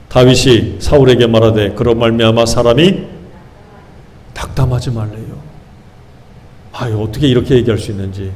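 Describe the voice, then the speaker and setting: Korean pastor preaching with lively questions. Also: male voice, fairly high pitch. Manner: asks the congregation questions and acts out quoted lines. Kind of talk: sermon.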